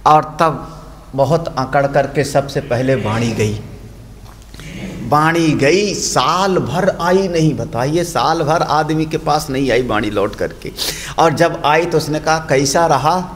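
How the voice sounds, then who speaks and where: Older man, swami, slow scripture discourse, slightly high voice, faint background hiss. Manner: storytelling, explains Sanskrit phrases.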